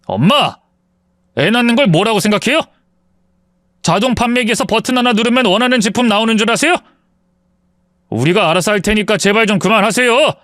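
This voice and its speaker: A man's voice: sits high, animated, a little fast, long pauses, a bit bright, no echo, clean studio sound, pitched above the performer's own voice. A man voicing a protective young husband who speaks bluntly and firmly. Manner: firm, exasperated pleading. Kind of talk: storybook voice acting.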